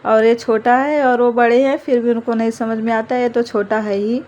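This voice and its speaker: A woman's voice: fairly high pitch, fairly even intonation, normal speed, darkish tone, lo-fi sound. A young woman narrating her household chores in a chatty, rambling home vlog. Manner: chatty, rambling, fillers of "matlab". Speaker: vlogger, mother.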